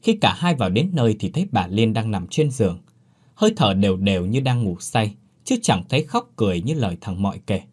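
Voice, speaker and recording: Husky-voiced man narrating a horror tale. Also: fairly low pitch, brisk. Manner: dramatic, expressive storytelling. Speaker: storyteller. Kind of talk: scripted horror story narration.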